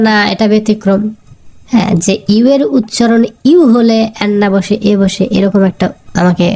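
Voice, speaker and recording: A woman's voice: on the high side, a little mellow. A woman teaching a grammar lesson, who repeats the key sounds and keeps asking her students questions.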